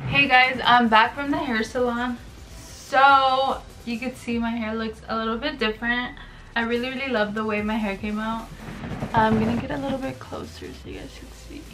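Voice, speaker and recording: A woman's voice: on the high side, fairly even intonation, moderate pace, music in the background, poor audio. A young woman in her twenties from Texas, chatting frankly to camera in her bedroom with lots of fillers and some swearing. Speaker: beauty vlogger. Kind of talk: casual vlog chat. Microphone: camera on a tripod.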